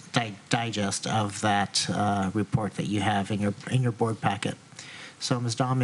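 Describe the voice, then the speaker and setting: A man speaking as a district official, introducing a presentation at a meeting in a halting, informal way. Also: lowish voice, rough recording. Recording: meeting room with faint noise.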